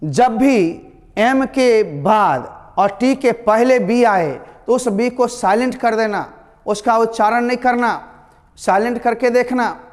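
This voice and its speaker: A man teaching English pronunciation to his students, explaining slowly and repeating each word, calling them his children. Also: very high voice. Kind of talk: classroom lesson. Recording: long reverb.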